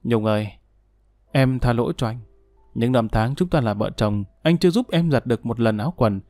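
A man's voice: medium pitch, moderate pace, darkish tone, no room sound, soft background music, natural voice. A condemned killer waiting to be shot, gloomy and self-pitying, as a male storyteller plays him. The voice sits in the narrator's own mid-range, read dry and close to the mic. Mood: remorseful. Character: condemned male murderer, remorseful and bleak.

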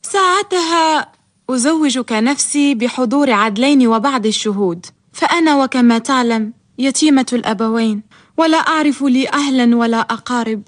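A woman's voice: sits high, moderate pace, lightly acted. An actress playing a proud, teasing young orphan woman in a radio drama, with a theatrical, haughty delivery. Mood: coquettish. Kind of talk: radio drama acting in formal Arabic.

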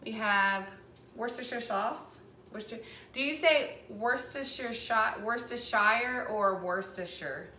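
Her voice is a little high and sharp, and she speaks a little slowly while hosting a live cooking demo from her home kitchen, chatting as she goes. The recording, made on a camera mic at a distance across the counter, has echo and background noise.

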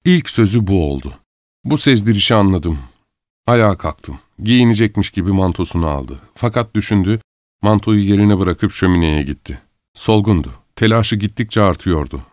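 A man narrating a novel in the first person in a measured, reflective way, on a close studio mic. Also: lowish voice, animated, no echo. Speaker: audiobook narrator.

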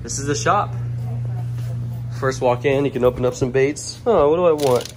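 This Louisiana vlogger, a young adult man, gives an upbeat walkthrough that moves from a waterside dock outdoors into a small shop, addressing viewers directly. He talks at normal speed in a mid-range, somewhat dark voice. The sound comes from a handheld camera kept close, and there's a little background noise.

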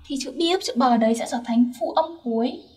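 A woman's voice: fairly high pitch, fairly quick, dark tone, distant mic. A young woman teaching Korean grammar step by step, patiently checking that her listeners follow. Her first language is Vietnamese.

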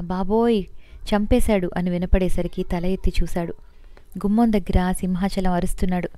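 A woman reads a thriller novel aloud in a steady, measured way. Her voice sits low and sounds mellow, and the recording is dry and close, with no room sound. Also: no room sound. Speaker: audio novel narrator. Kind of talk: scripted narration.

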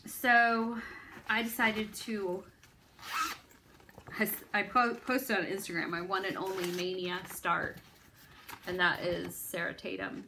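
A woman's creaky, fairly low voice comes out pushed and bright as she hosts a needlework video. She talks casually about her stitching projects, rambling and self-deprecating with many ums and restarts, over slight background noise.

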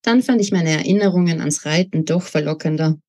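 A woman voicing a dreamy, gentle young woman in a read-aloud novel, talking in a soft, apologetic way. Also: low-pitched, brisk.

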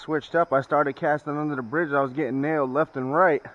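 A fishing vlogger with a fairly high, fairly even voice chats casually and quickly to viewers outdoors at a creek and under a bridge. He's recorded on a body-worn action camera, so the sound is dull with noticeable outdoor noise.

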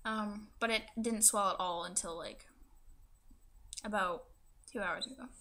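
A woman's voice: medium pitch, unhurried, sharp tone. A young woman chatting casually and hesitantly to camera with lots of "like", her speech slightly affected by a new tongue piercing. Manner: hesitant, filler-heavy, peppered with "like". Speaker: vlogger. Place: small room indoors.

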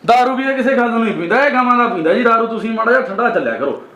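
A man's voice: very high-pitched, animated, rapid-fire, bright, forceful tone, heavily acted. A man playing a village friend who soothes and coaxes a quarrelling couple. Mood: coaxing. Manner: soothing, coaxing. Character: calm village friend, peacemaker. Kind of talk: rural comedy sketch.

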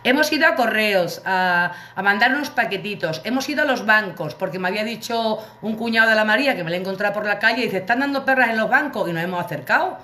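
Bright-voiced woman telling a story. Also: mid-range voice, expressive, quick pace, hardly any pauses. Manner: chatty, colloquial, comic anecdote with acted quotes. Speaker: livestream host. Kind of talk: casual storytelling to viewers. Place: her living room.

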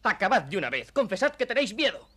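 A man's voice: high voice, very animated, quick pace, pushed and bright, husky, heavily acted. An actor voicing a hot-headed young male dog musketeer in a dubbed cartoon, bold and challenging. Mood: defiant.

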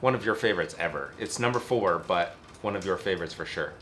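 A man's voice: low-pitched, expressive, fast, a bit bright, a little hiss or hum. A man in his thirties chatting casually as a travel vlogger, seated outdoors by a camper in an easygoing, lightly joking way. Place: outdoors beside a camper trailer.

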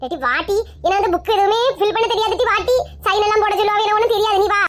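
A woman's voice: very high voice, very fast, very noisy. A woman with a Kanyakumari Tamil accent voicing a scheming, bossy elderly mother-in-law in a comic family sketch. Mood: coaxing. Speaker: comedy sketch creator.

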